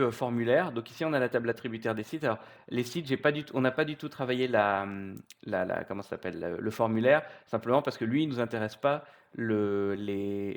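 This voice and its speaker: Working on screen and speaking into a computer mic, a man with a middle-pitched voice improvises a software tutorial. He explains things in a relaxed way, yet often stalls with fillers and starts his sentences over.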